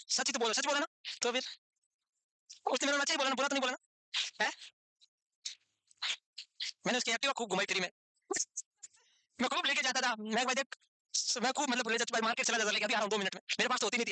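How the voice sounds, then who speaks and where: Male nursing teacher, high bright voice, quick, teasing and chatty in class. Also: steady tone, no echo. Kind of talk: classroom lecture with joking asides.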